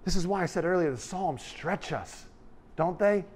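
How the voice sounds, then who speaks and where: Animated middle-aged male preacher. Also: high voice, moderate pace, slight background noise. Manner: animated, gesturing, swings from loud emphasis to quiet asides. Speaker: pastor. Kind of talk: sermon. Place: church hall with stage.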